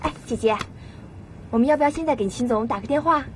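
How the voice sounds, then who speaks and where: A woman's voice: sits high, fast, slight background noise, lightly acted. An actress playing an eager, fawning young female sidekick in a TV drama.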